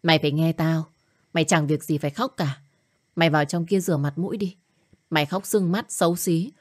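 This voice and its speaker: A woman voicing a young woman who is the blunt, worried best friend, talking fast and scolding. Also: low voice, fairly even intonation.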